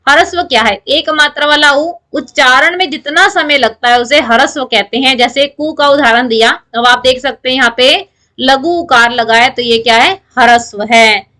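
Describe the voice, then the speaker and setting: Bright high-voiced woman teaching grammar. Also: moderate pace. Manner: explains step by step, asks and answers her own questions. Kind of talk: online lecture to students.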